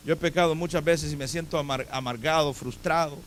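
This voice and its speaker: A man's voice: fairly high pitch, fairly even intonation, a little fast, slight background noise. A man preaching a sermon in a church, speaking emphatically and putting direct questions to his congregation. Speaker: pastor. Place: church sanctuary.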